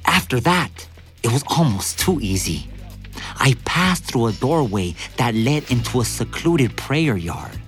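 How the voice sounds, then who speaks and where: A man narrating a dramatized audiobook in the first person, with vivid, expressive storytelling. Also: mid-range voice, unhurried, soft background music. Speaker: narrator and lead actor.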